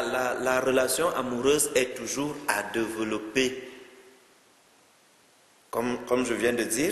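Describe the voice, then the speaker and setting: A man's voice: medium pitch, roomy sound, long reverb tail. A man, a priest, giving an interactive Bible teaching, asking his listeners questions and repeating words as he goes.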